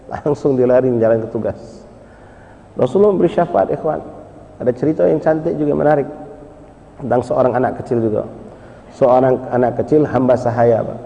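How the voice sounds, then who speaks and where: A man's voice: mid-range voice, mellow. A man preaching in a mosque and telling stories animatedly, often calling out to the congregation. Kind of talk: sermon storytelling. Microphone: live-stream microphone. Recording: echoey lo-fi mosque hall.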